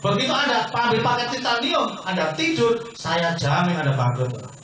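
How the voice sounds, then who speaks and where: High-voiced man pitching in an echoey hall. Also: lively intonation, normal speed, a bit bright, slight background noise. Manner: persuasive, asks the audience questions and answers them himself; keeps addressing listeners as "Pak". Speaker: business opportunity presenter. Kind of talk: sales seminar talk to an audience. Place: meeting hall with an audience. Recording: very echoey hall, picked up from far off.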